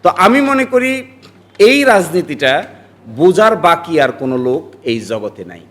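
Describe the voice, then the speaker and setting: A man in his forties, a lawyer from Bangladesh, giving emphatic political commentary that rises into forceful outbursts. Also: fairly high pitch, big pitch swings, unhurried.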